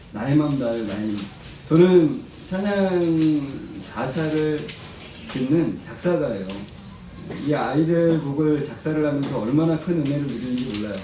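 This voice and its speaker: A man's voice: a little high, dark tone. A man preaching a sermon to children and adults, quizzing the congregation and acting out quotes. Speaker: preacher and praise-song lyricist. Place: church sanctuary. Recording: echoey church hall, distant mic, faint noise.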